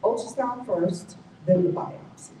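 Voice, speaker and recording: A woman's voice: mid-range voice, a little slow, reverberant, far from the mic, background noise. A woman telling her own cancer survival story at a community forum, reflective and correcting herself as she goes. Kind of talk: personal testimony at a forum.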